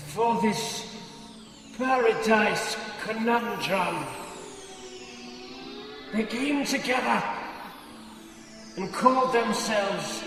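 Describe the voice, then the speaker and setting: A man tells a mock-epic legend in a slow, grand tone, pitched fairly high. He sounds far from the mic, in a long, echoing hall with music under him. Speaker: podcast co-host. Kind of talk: mock-epic fairy-tale narration.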